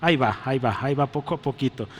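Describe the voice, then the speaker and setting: A man preaching a sermon in a church, fervent, often rising to loud exclamations and checking in with his congregation. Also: mid-range voice, fast, a little hiss or hum. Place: church sanctuary. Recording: echoey church hall.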